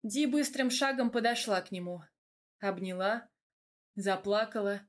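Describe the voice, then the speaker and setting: Brief: woman narrator, steady audiobook delivery, middle pitch. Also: measured pace. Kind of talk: scripted first-person narration.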